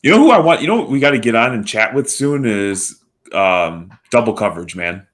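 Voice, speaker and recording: A man's voice: mid-range voice, lively intonation, a little fast, fairly bright tone. A man co-hosting a podcast, talking in a loose, joking way with some swearing. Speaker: podcast co-host. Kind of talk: casual chat.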